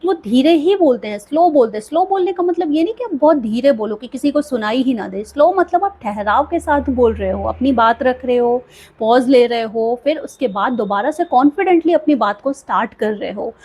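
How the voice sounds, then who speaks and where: A young woman with a slightly high, husky voice gives encouraging tips on speaking well. She talks to her viewers conversationally and keeps checking in with them as she explains. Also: animated, a little fast, a little mellow. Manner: encouraging, conversational, frequent "theek hai" check-ins. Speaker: speaking coach, video creator. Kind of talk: motivational tips talk to camera.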